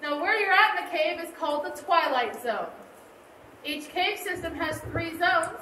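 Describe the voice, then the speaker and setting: Echoey, very high-pitched woman tour guide. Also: lively intonation, moderate pace, pushed and bright. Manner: explanatory, addressing a group. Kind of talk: scripted tour narration. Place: inside a cave on a tram tour. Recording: echoey cave, distant mic, faint noise.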